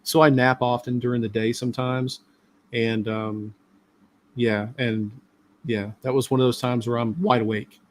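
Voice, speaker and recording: A man's voice: mid-range voice, flat delivery, moderate pace, a little hiss or hum. A middle-aged man hosting a live stream, talking casually and at length with many fillers. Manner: rambling, talkative, lots of fillers.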